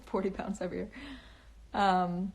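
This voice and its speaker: A young author chats casually with fans over a phone livestream from home, going through their comments. Her mid-range voice is slow and a little mellow, and her valley-girl delivery is anxious, heavy on fillers and restarts.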